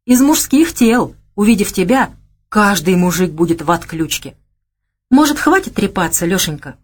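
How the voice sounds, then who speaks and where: A woman's voice: normal speed, slightly rough. Lady reader doing a coy teasing young gal, sly and stubborn, voice bounces around a lot. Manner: teasing, coy, high and lively.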